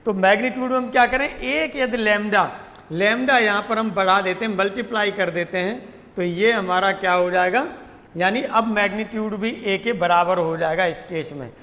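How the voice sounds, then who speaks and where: A man's voice: high voice, moderate pace, sharp tone, big-room sound. A man teaching a math lesson. He mixes with English terms, repeats key words and asks questions he answers himself. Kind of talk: classroom lecture.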